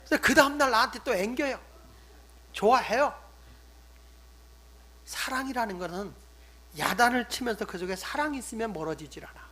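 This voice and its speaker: An older man, a pastor, preaching a sermon, swinging between loud emphatic stresses and hushed asides. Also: extremely high pitch, animated, moderate pace, pauses often. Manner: acts out scolding quotes in conversational tone.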